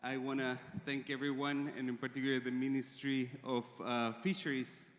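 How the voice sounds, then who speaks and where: Speaking flatly in a mid-range voice, a Chilean man gives a conference presentation in a large hall that echoes. Spanish is his native language and his accent is Chilean Spanish. He stays measured, often pausing and using fillers.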